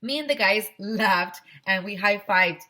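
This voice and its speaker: At a measured pace and in a mid-range voice, a female teacher brings a children's story to life for her pupils, adding animated emphasis and talking directly to the children between lines.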